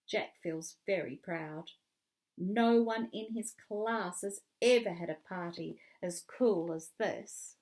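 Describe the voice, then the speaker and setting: A woman reading a children's book aloud with clear, expressive storytelling. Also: mid-range voice, slow. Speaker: reader.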